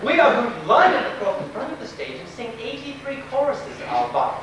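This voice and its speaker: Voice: high voice, very animated. A stage actor playing a cheeky Victorian music-hall chairman, grandiose and teasing, bantering with the audience as master of ceremonies. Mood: teasing, mock-stern. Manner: grandiose, teasing, mock-stern, drawn-out alliterative delivery. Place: theatre stage with live audience behind. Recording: echoey theatre recorded far off, noisy audience.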